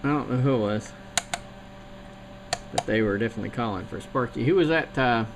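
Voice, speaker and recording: This CB radio operator, speaking from his home radio station, has a mid-range voice and a fairly quick pace. He chats in a relaxed, slightly rambling way, and the transmission comes through noisy.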